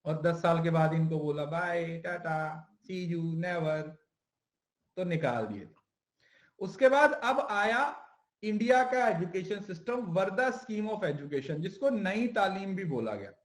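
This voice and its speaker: A man's voice: high-pitched, animated, slow, roomy sound. A male teacher giving an exam-prep lecture in Hindi mixed with English, who asks questions and answers them himself and repeats the key terms.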